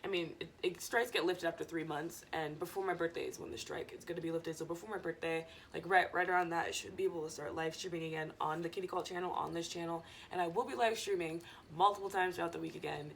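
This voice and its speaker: Woman, stoner vlogger, low creaky voice, rambling casual chat, digressive. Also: fairly even intonation, fast talker, few pauses, a little hiss or hum.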